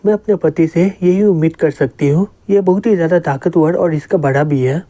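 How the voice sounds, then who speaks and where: A man's voice: a little high, normal speed, warm tone, close to an everyday voice. A man voicing a bossy, possessive young woman who scolds her partner.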